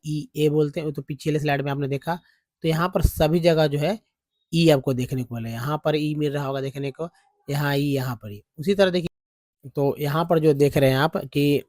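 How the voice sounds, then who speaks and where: A man with a fairly high voice walks viewers through English vowel sounds, spelling words out and repeating each one patiently. He often stops to check they follow. The recording is dry and close, with no room sound. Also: a little mellow, no room sound. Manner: repeats letters and sounds slowly, checking in with "है ना?" and "ठीक है?". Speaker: English teacher. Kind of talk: Hindi lesson on English vowel pronunciation.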